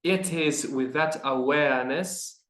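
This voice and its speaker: Slow, careful man in an echoey room. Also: fairly high pitch, a bit bright. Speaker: pronunciation student. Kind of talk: repeating phrases in a lesson.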